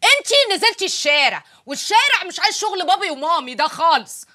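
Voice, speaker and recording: A woman's voice: extremely high pitch, sing-song, fast talker, sharp tone, heavily acted. An actress playing a tough streetwise woman who scolds brashly, with an Egyptian accent. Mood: scolding.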